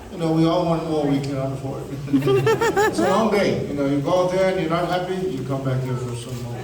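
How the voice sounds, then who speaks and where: A man's voice: a little high, sing-song, normal speed, pauses often. A man from Samoa hosting a cultural show, playful and teasing, laughing at his own jokes and leading the crowd in call-and-response. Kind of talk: joking live show presentation. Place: live show venue. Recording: echoey, distant, with noisy ambience.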